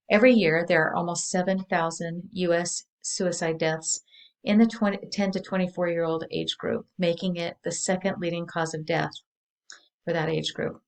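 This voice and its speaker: This woman runs a training session in a voice that sits low and carries some gravel. She delivers prepared material in a steady, earnest, measured way. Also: poor audio. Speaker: workshop presenter.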